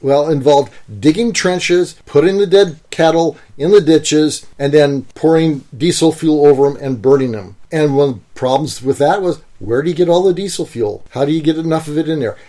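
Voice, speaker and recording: A man's voice: a little high, dark tone. Man telling a crisis-planning story. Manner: storytelling, measured with occasional fillers. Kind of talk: casual explanatory chat.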